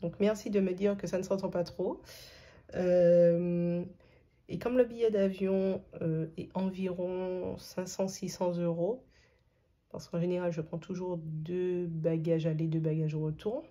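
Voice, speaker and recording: A woman's voice: on the low side, flat delivery, measured pace, dark tone. A woman from Martinique with a Martinican French accent, chatting casually to camera as a budgeting vlogger and thinking aloud with frequent fillers.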